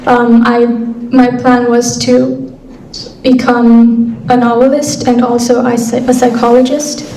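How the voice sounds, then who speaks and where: A young woman from Afghanistan, a guest speaker answering interview questions in a soft, reflective way with frequent pauses. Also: a little high, level tone. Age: young adult. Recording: echoey hall, voice from far off mic, faint noise.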